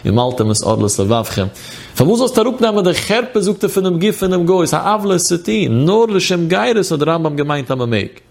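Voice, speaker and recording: A man's voice: high voice, big pitch swings, quick pace, gravelly. A man teaching a Talmudic study lesson, moving in a chanting study cadence between explanation and quoted texts. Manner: sing-song study chant, quoting texts. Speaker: Torah teacher.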